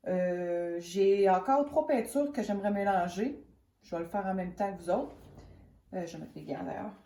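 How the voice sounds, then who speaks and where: A woman's voice: medium pitch, normal speed, dark tone, reverberant, a little hiss or hum. A woman with a Quebec French accent and a cold, giving a casual painting tutorial in a chatty, rambling, hesitant way, thinking aloud. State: has a cold. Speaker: craft tutorial host.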